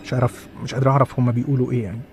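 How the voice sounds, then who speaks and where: A man with an Egyptian accent narrating a horror story in a hushed way, restarting his phrases. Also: medium pitch, little pitch movement, rapid-fire, faint music behind. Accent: Egyptian Arabic.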